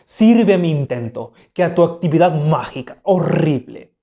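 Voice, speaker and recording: A storyteller voicing a stage actor who plays a poisoner, reciting slowly and solemnly in old theatrical verse. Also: mid-range voice, expressive, mellow, lo-fi sound. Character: scheming male stage actor playing a poisoner, grim.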